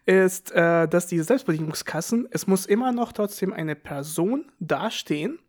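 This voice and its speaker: Here a young man with a high voice and lively intonation co-hosts a podcast at a moderate pace. The talk is casual, full of wry anecdotes and frequent laughter.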